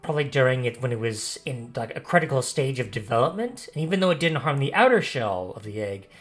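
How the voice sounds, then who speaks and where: A fast-talking man with an animated, mid-range voice serves as game master for a tabletop fantasy game. He improvises the story against background music, often going over his descriptions again in different words.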